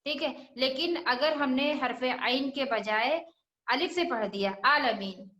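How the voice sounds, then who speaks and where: High-voiced woman teaching Quran pronunciation. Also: pushed and bright, reverberant. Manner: patient, repeats sounds slowly and asks rhetorical questions. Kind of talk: religious lesson for children.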